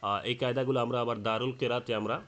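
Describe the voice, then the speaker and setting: A man teaching Quran recitation rules in a spoken lesson. He explains slowly, with frequent hesitant fillers, and chants the example words aloud. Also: medium pitch, fairly even intonation, fairly bright tone, dull audio.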